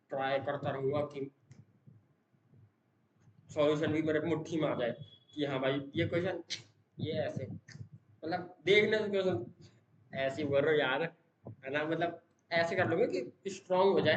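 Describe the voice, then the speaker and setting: A young student vlogger talks in a rambling, casual way, leaning on fillers and tag questions. His voice sits a little high. The recording is dull, with room echo and steady background noise. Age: young adult. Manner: says he talks fast, in one breath. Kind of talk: casual daily study vlog. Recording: echoey room, dull sound, noisy background.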